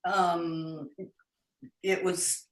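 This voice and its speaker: A woman in her sixties from Brazil, calmly telling her own life story as a guest speaker. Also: on the low side, extremely slow. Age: 60s. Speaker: guest speaker in a recorded video. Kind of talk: personal testimony. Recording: roomy echo.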